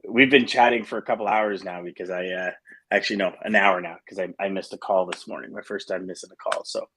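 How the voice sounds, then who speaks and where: Husky, low-voiced male show host. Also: steady tone, fast talker, fairly bright tone. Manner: rambling, with many restarts and fillers. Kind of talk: casual morning show chat.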